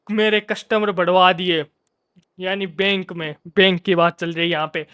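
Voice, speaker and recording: A man's voice: sits high, bright, forceful tone, clear, resonant tone. A man giving casual, jokey commentary while playing a game, playfully scolding the characters on screen. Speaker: gamer.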